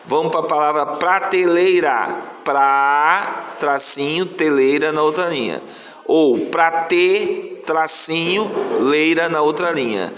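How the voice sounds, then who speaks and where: A man's voice: on the high side, moderate pace, hardly any pauses, fairly bright tone. A male teacher with a Brazilian Portuguese accent, patiently explaining a lesson and drawing out syllables. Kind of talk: slow classroom explanation. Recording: echoey room, faint noise.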